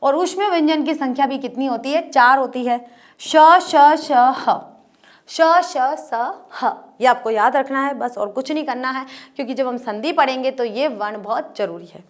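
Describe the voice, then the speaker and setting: A woman with a high voice gives a lesson to her pupils. She explains patiently, spells out sounds one at a time and keeps asking questions before she answers them herself. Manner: explains slowly, repeating letters and asking questions. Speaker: teacher. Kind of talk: online class lesson.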